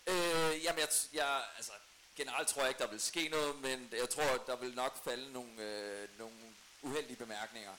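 Bright-voiced male football fan explaining. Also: medium pitch, a little hiss or hum, low-quality recording. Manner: explanatory, hesitant with fillers. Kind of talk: casual talk show chat.

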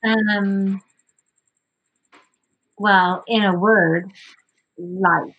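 A woman's voice: medium pitch, fairly even intonation, extremely slow. A woman, an opera singer and voice professor, chatting casually in an interview, upbeat and laughing often. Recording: dull lo-fi audio.

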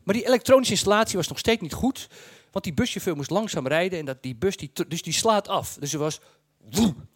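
A man telling a casual anecdote in a colloquial, blunt and animated way, acting out bits as he goes. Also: high-pitched, fairly quick, slightly rough, no room sound. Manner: acts out dialogue and sound effects. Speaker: storyteller recounting his travel experience.

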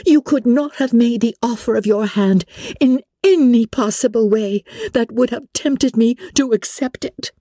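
A woman voicing an indignant, spirited young gentlewoman from a novel, speaking in formal, cutting, emphatic phrases. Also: on the high side, a little slow, dry recording, studio quality, voice pushed up. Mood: controlled anger.

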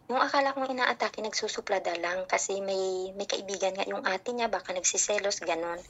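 A woman's voice: mid-range voice, fairly quick, dull audio. Mother telling a story. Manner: animated storytelling, acting out dialogue. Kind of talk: casual storytelling.

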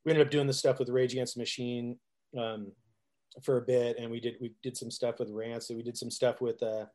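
A man's voice: medium pitch, level tone, brisk, a little mellow. A middle-aged man, a musician, telling stories in a casual interview, rambling with restarts, laughing often and acting out quoted lines. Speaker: musician guest.

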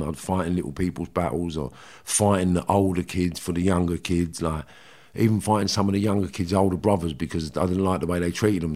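A man with a low, deep voice and a Liverpool Scouse accent speaks as an interview guest. He tells his story candidly in colloquial language, often checking that the listener follows. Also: darkish tone. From Liverpool, England. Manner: colloquial, often checks in with "you know" and "right". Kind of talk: candid personal storytelling in conversation.

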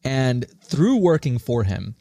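This podcast guest, a startup CEO in his thirties who was born in India, raised in Singapore, and speaks with an American accent, answers questions in an earnest, emphatic, articulate way. He takes it slowly, his warm, creaky mid-range voice swinging widely in pitch. The recording is clean studio sound without echo.

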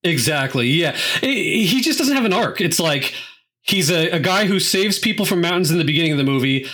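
A man co-hosting a casual movie review podcast, chatty and quick to laugh, with lots of fillers. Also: on the high side, lively intonation, a bit bright. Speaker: podcast co-host.

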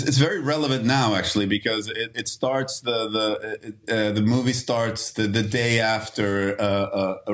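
Swedish guy, kinda low voice, keeps restarting his sentences, chatty interview guest. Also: a bit bright. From Sweden. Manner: halting, many restarts and fillers. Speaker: actor, guest. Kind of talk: casual interview talk.

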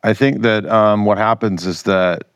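A man's voice: fairly low pitch, fairly even intonation, measured pace, clean tone, no echo, clean studio sound. A man giving casual, conversational political commentary as a podcast guest, explaining his opinions informally.

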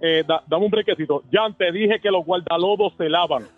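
A boastful rich man phones in, swaggering and tossing out insults, as a man puts him on. His fairly high voice comes through a thin, phone-like line. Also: normal speed, faint music behind. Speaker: caller.

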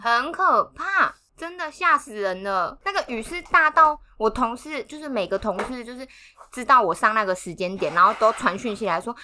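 A young woman, co-hosting a podcast and telling a story in an animated, dramatic way, laughing as she goes. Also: on the high side, moderate pace, a crowd in the background. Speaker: podcast co-host. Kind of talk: casual storytelling chat.

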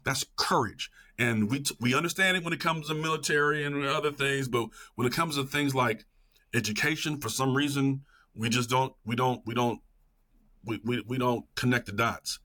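Casual yet fired up, a middle-aged man guests on a podcast interview, drawing on his work as an educator. He hammers his points home by repeating phrases, speaking at a moderate pace in a sharp-toned, mid-range voice.

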